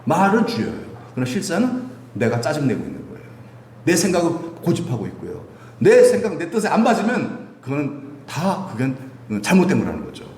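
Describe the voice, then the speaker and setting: A male pastor giving a sermon, animated and quizzing his congregation with questions. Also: medium pitch, a little hiss or hum. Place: church sanctuary. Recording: echoey church hall.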